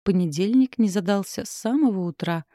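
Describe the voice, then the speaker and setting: A woman narrating an audiobook in a steady, measured reading. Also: mid-range voice, no room sound, clean studio sound.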